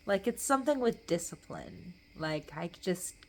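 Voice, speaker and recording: A woman's voice: fairly low pitch, huge pitch swings, normal speed, a little mellow. A young adult woman in a casual, rambling solo chat, talking in a loose, tipsy, giggly way and trailing off mid-thought. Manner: tipsy, loose, meandering drunk talk. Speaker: vlogger.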